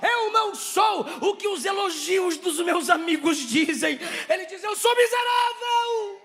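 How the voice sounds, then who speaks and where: A man with a Brazilian Portuguese accent preaching a sermon, swinging from hushed storytelling to shouted preaching. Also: very high-pitched, a little slow, soft background music, a faint crowd. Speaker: pastor.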